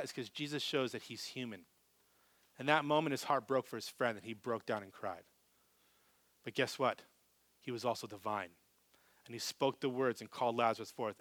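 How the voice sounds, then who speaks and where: A man preaching a live sermon to a congregation, animated, swinging from loud emphasis to very soft, hushed lines. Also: medium pitch. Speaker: pastor.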